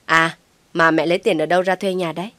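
A woman's voice: on the low side, fairly even intonation, fast, sharp tone, no echo. A woman voicing a spiteful, mocking young daughter-in-law who speaks with scorn. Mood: sneering. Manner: sneering, scornful.

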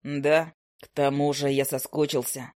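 A woman voicing a young, broad-shouldered male hunter who speaks quietly and plainly, a little awkwardly. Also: low-pitched, flat delivery, unhurried, no echo, studio quality, voice pushed down. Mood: earnest.

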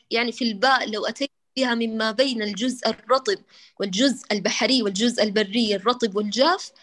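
A woman's voice: on the high side, a bit bright. A woman teaching tajweed in an online class, explaining pronunciation patiently and demonstrating letter sounds again and again, addressing her students affectionately. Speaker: Quran recitation teacher.

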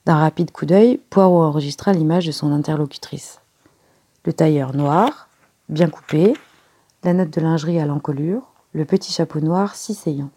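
A woman narrating an audiobook with a low, gravelly voice that has a husky edge. Her tone is dark and mellow, and her delivery is steady and unhurried. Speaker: reader.

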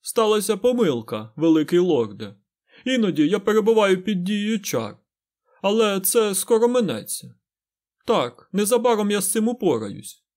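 A man's voice: sits high, expressive, brisk, few pauses, voice pushed up. Man doing a whining, ragged old beggar. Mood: oily. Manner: whining, then shouting and oily-smooth. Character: whining grimy male beggar, wild and shifty.

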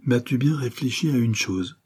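A man's voice: mid-range voice, expressive, normal speed, darkish tone, slightly rough. A man playing a weak, fearful male thief who pleads anxiously with his domineering lover in an audiobook.

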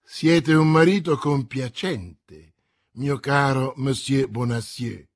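A man voicing a cold, commanding elderly cardinal who questions in a stern, probing, deliberate way. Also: mid-range voice. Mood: interrogating.

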